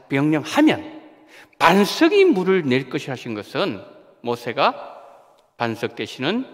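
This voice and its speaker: A man preaching a Sunday sermon as senior pastor, with an animated delivery that acts out quoted voices and asks the congregation questions, in a church sanctuary. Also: a little high. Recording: long reverb of a church sanctuary.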